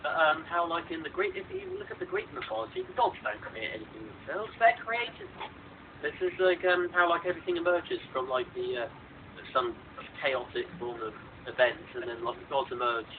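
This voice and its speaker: A man's voice: a little high, very animated, moderate pace, phone-quality sound. A man chatting about religion in a casual online discussion, rambling and full of likes and uhs. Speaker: debate participant. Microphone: computer microphone on a voice call. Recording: noisy compressed online voice call.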